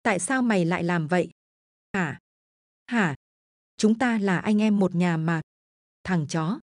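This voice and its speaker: A woman's voice: lowish voice, a little slow, no room sound, studio quality, close to an everyday voice. A woman voicing a desperate young man who cries out in anguish at his friend's betrayal, in a horror story. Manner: shouting in anguish.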